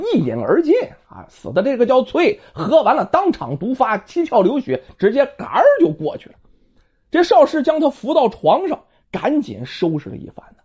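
A storyteller telling a folk tale in a chatty, colloquial way, with asides to the listener and drawn-out exclamations, in a dull, lo-fi recording. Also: medium pitch, a little mellow, breathy edge.

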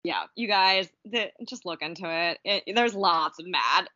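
A chatty woman co-host with a bright, forceful voice, slightly low-pitched, reading from notes with frequent ums and little laughs. The sound is dry and a bit dull, like a modest home setup. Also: lively intonation, unhurried, no room sound. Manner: chatty and giggly, reads notes with many ums. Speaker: podcast co-host. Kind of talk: casual chat, reading history notes.

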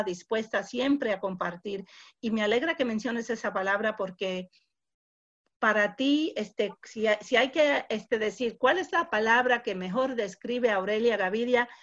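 An English-speaking woman in Spanish, chatting in a halting way as she searches for words. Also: mid-range voice, a bit bright, lo-fi sound. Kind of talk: casual conversational interview.

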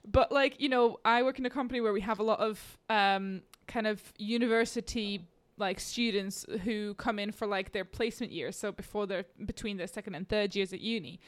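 A woman in her twenties from Slovakia chatting casually, animated and excitable, laughing often. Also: mid-range voice, moderate pace, few pauses. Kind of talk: casual chat.

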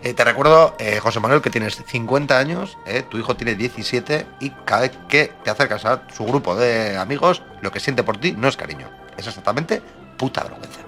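A man's voice: medium pitch, lively intonation, fairly quick, sharp tone, faint music behind. A man co-hosting a comedy podcast, sarcastic and mock-preachy, teasing as he talks. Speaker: podcast co-host. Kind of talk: crude comedic banter.

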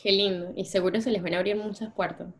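Woman host, casual interview, friendly and encouraging, mid pitch. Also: fairly even intonation, quick pace.

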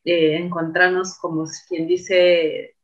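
Her voice low-ish, flat and slow, a female cultural manager muses as a guest in casual radio conversation, using many fillers and tag questions. The radio audio is dull and lo-fi.

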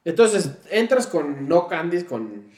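High-voiced joking Mexican man, echoey. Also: sing-song, slow pace, darkish tone. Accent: Mexican Spanish. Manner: crude joking, playful tangents. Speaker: podcast co-host. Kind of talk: casual chat. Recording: echoey room.

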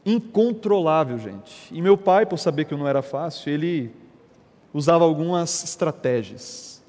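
A man preaching a sermon as a pastor, telling stories in a lively, conversational way. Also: a little high, moderate pace, in a large hall. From Brazil. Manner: animated, conversational preaching with storytelling.

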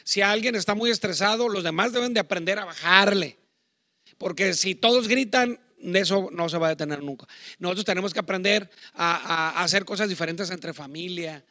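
A middle-aged Mexican man preaching in a high, bright voice. He talks loud and chatty, wandering into asides, and the sound is dry and close. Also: moderate pace, no echo. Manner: loud, self-admittedly talks shouting. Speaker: pastor. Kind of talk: sermon on marriage to online viewers.

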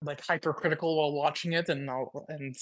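Higher guy on a podcast, excitable, keeps restarting what he's saying. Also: a little fast. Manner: animated, trailing off and restarting. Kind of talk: casual podcast chat.

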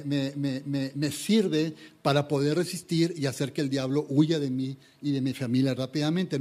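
Pastor mexicano de voz algo aguda. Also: male voice, fairly high pitch, a little mellow. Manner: earnest, conversational preaching with frequent restarts and stumbles. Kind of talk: sermon.

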